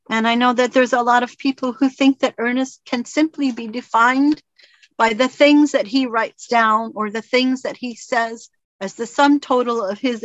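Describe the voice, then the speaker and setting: A woman's voice: fairly high pitch, a bit bright, no room sound. A woman minister giving a reflective sermon in an earnest storytelling manner. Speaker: spiritual minister and teacher. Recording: dull lo-fi recording.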